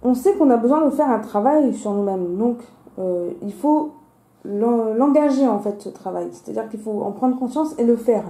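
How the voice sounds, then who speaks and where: A woman's voice: fairly high pitch, expressive, normal speed, dark tone. A woman with a slushy lisp on her s sounds, hosting a casual, explanatory card reading. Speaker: host of a weekly card-reading video. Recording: roomy, echoing sound.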